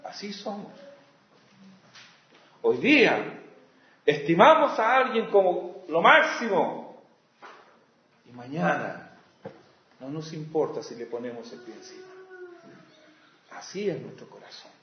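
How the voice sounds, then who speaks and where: A male pastor preaching with passion, swinging from loud exclamations to hushed asides. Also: fairly high pitch, sing-song, slow, long pauses. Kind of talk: sermon. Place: church sanctuary. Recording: echoey, dull lo-fi church recording.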